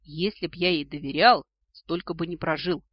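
Grumpy ancient male dragon voiced by a man, mocking and gruff, dry dull recording. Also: on the high side, moderate pace, no echo, natural voice. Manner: mocking, grumbling retorts.

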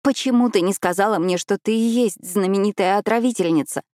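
A woman's voice: mid-range voice, brisk, darkish tone, dry recording, clean studio sound, pitched above the performer's own voice, lightly acted. A woman voicing a timid, guilt-ridden young woman who pleads and apologizes in an audiobook. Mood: defensive. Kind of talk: audiobook character voice.

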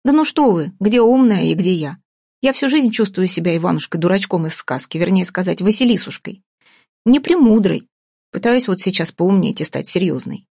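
A woman's voice: medium pitch, lively intonation, fairly quick, darkish tone, slightly rough, dry recording, studio quality. Woman voicing an earnest, guileless young heroine.

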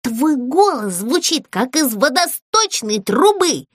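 A woman voicing a pompous male ghost who rules a ruined theatre, speaking slowly and menacingly. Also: sits high, big pitch swings, a little hiss or hum, voice pushed up, heavily acted. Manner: slow, drawn-out and menacing.

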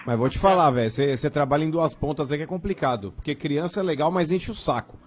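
A man's voice: on the high side, fast, a little hiss or hum. A Brazilian man hosting a radio show, giving blunt, jokey opinions in casual chat. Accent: Brazilian Portuguese. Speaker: radio host.

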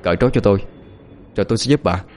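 A man doing a cold, calm young schemer. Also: lowish voice, racing, slight background noise, close to an everyday voice.

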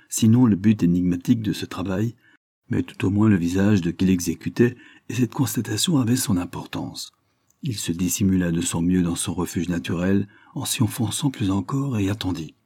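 A man narrating an audiobook in a measured, literary reading style. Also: fairly low pitch, dark tone, husky, no echo. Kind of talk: scripted narration.

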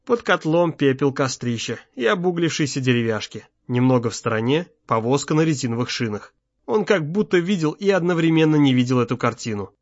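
A man narrating an audiobook in a measured, tense storytelling manner. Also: mid-range voice, expressive, dry recording. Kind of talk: scripted narration. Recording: slightly muffled, dry.

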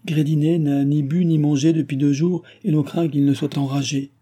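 An anxious, overzealous palace officer pleading in a lifted, urgent voice, as a male audiobook narrator plays him. His speech is earnest and imploring, with a husky, dark undertone. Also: a little high, level tone, normal speed, pitched above the performer's own voice. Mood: alarmed.

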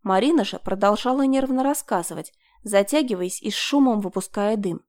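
Woman narrator, audiobook reading, first-person crime story, mid pitch, measured, even.

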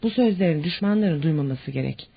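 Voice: mid-range voice, lively intonation, brisk, vocal fry, breathy edge. A reader voicing a stern, controlled male army major. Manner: stern, clipped. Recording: dull lo-fi audiobook recording.

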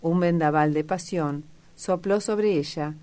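A woman reading a classic novel aloud as an audiobook narrator, measured and even. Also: sits low. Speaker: audiobook reader.

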